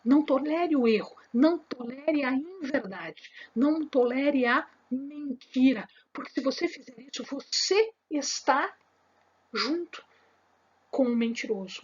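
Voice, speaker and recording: A woman's voice: high voice, animated, moderate pace, dull audio, a little hiss or hum. A woman giving a spoken Bible lesson to her viewers, emphatic and repetitive, with many fillers and restarts. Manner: speaks with her hands. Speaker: Bible study teacher.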